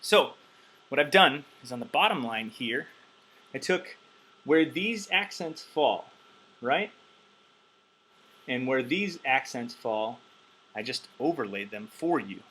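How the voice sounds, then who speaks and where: Bright-voiced man teaching drums. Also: mid-range voice, lively intonation, slow pace, pauses often, breathy edge, low-quality recording. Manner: loose and chatty, many ums, counts beats aloud. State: wired on caffeine. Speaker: drum teacher. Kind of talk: casual instructional talk.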